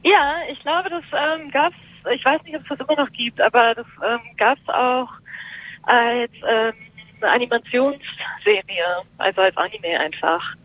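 A woman journalist answers interview questions over a tinny phone line, her voice pitched somewhat high. She talks in a casual, thoughtful way and often pauses to search for the right words. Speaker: journalist and columnist, interview guest.

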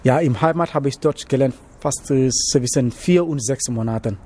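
A young Senegalese man who picked up German as an adult talks about his apprenticeship as a trainee cook in a casual interview. His medium-pitched, warm voice comes out haltingly, with frequent pauses and hesitations as he searches for words.

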